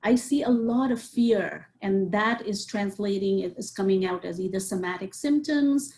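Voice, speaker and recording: A Nepali woman, a psychiatrist appearing as a guest, answers interview questions earnestly, running through her points with plenty of "you know"s. Her voice is medium in pitch with a somewhat dark tone, and she speaks at a moderate pace.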